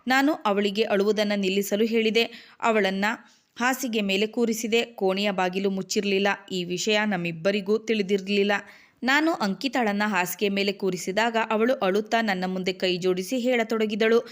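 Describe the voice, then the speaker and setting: A woman narrating a dramatic first-person story in a measured storytelling manner. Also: mid-range voice.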